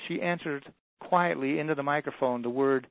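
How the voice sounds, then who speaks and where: A man speaking as a motivational speaker, telling a story and acting out the dialogue while he pitches a coaching package. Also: moderate pace, creaky, no room sound. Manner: storytelling, voices quoted dialogue. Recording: tinny phone-like audio, dry.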